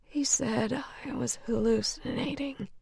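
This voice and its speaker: A woman's voice: high voice, lively intonation, slow, creaky, darkish tone, no echo, clean studio sound, pitched above the performer's own voice, heavily acted. A woman voicing a frail, sedated young asylum patient in whispered role-play, her words faint, slurred and tearful. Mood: whispering.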